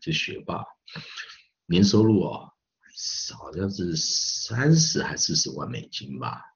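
Low-voiced chatty male English teacher. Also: sing-song, gravelly. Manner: chatty, repeats phrases with filler particles; spells and sounds out words slowly. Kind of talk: recorded online English lesson. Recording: slightly dull lo-fi audio.

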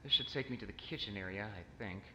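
A man's voice: lowish voice, fast talker, pushed and bright, reverberant, poor audio. A man narrating a first-person found-footage exploration, wary and muttering to himself as he goes.

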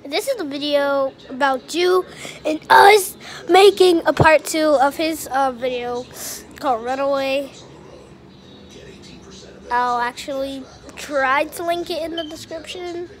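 High-voiced woman, slow rambling vlog chat. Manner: rambling and giggly, talks to her dog. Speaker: video maker. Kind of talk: casual chat to camera.

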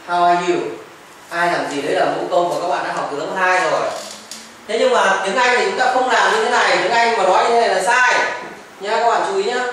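A man's voice: high voice, sharp tone. A male teacher giving a patient classroom grammar lesson, repeating examples and mixing in English phrases. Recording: echoey classroom from far off, faint noise. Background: children chiming in.

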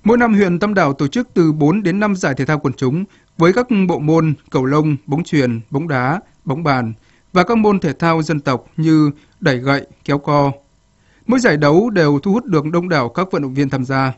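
A male reporter reading a formal, scripted news report in a steady cadence, moving through lists of figures one by one. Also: on the high side. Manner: steady formal read with measured list cadence. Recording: dull lo-fi broadcast audio.

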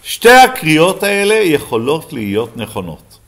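Man, rabbi teaching a Bible class, fairly high and very animated voice, fires questions at the room. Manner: questions the class and answers himself. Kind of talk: Bible lesson to a live class.

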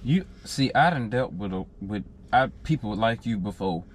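A man's voice: lowish voice, animated, moderate pace, slight background noise. A young man, mocking and exasperated in a prank vlog. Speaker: vlogger, prank target. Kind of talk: exasperated banter.

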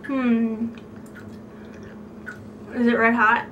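A woman's voice: fairly high pitch, little pitch movement, extremely slow, dull audio. A woman in her twenties chatting casually and playfully, with a teasing, competitive manner. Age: 20s. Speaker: challenge vlogger. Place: small room indoors. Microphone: camera a few feet away. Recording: roomy distant camera mic, faint background noise.

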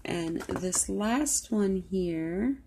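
A woman's voice: mid-range voice, lively intonation, very slow, dark tone, a little hiss or hum. A woman vlogger chatting casually through a product haul, rambling with lots of "um" and "like". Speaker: beauty vlogger.

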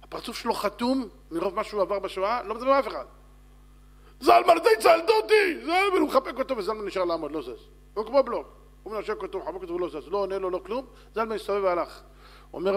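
Animated rabbi telling a story. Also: male voice, high voice. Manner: animated storyteller, acts out shouts and dialogue. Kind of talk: sermon storytelling. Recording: long hall reverb.

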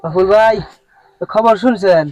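A man playing a pushy, high-voiced village creditor. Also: measured pace, darkish tone, soft background music. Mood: demanding. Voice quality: insistent, demanding. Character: pushy village goat seller chasing a debt. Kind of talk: comic short-film acting.

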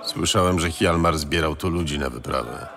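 A battle-worn monster hunter in a fantasy game. He speaks in terse, deadpan lines, with an extremely deep, creaky, gravelly voice over faint music. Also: moderate pace. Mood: stoic. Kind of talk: video game voice acting.

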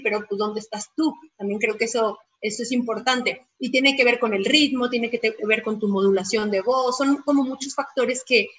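A woman's voice: a little high, breathy edge. A woman, director of a voice-over school, explaining her views in an interview. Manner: explanatory, lively. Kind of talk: interview answers.

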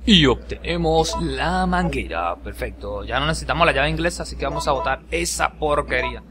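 A man giving let's play commentary on a game he is playing. He is excitable, swearing and yelping whenever the game attacks him. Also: fairly high pitch, fairly quick. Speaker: gameplay commentator. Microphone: home voice recording over game capture. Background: game music.

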